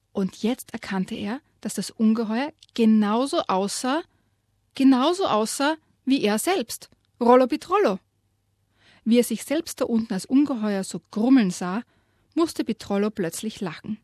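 A woman co-hosting a radio show, lively retelling and reading aloud a children's story, giving quoted lines their own voice. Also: a little high, no echo, studio quality. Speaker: radio co-host presenting children's books.

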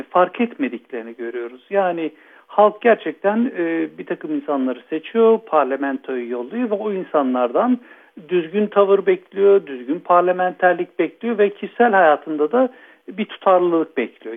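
A man calling in by phone as a guest commentator, giving measured, explanatory analysis over a phone line. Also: fairly high pitch.

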